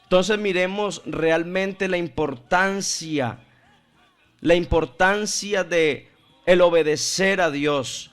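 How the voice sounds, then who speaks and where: A male preacher delivering a sermon with a somewhat high voice. He speaks at an unhurried pace, leaning on key words and drawing them out for emphasis. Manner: slow, deliberate preaching with drawn-out emphasis.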